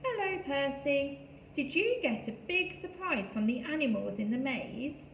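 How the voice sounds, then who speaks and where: A man's voice: very high voice, expressive, a little slow, vocal fry, fairly bright tone, echoey room, a little hiss or hum, voice pushed up, heavily acted, rough recording. Woman plays a chatty, curious hedgehog for a storybook.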